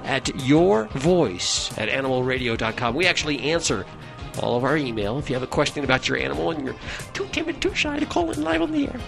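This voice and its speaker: A man's voice: medium pitch, very animated, brisk, gravelly, music in the background. A man hosting a radio talk show, joking with his co-host and plugging giveaways. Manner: jokey, upbeat, plugging giveaways.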